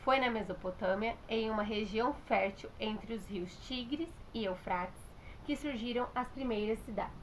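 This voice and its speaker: A Brazilian woman reading a history text aloud in an even way, with faint background noise. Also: on the high side, normal speed, poor audio. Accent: Brazilian Portuguese. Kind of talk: read-aloud narration.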